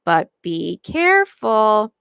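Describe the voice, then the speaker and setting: Gentle mother of twins, soothing; read by a woman in a storybook, dry close sound. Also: mid-range voice, slow pace, gravelly, clean tone, no room sound, full character voice. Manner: calm, soothing.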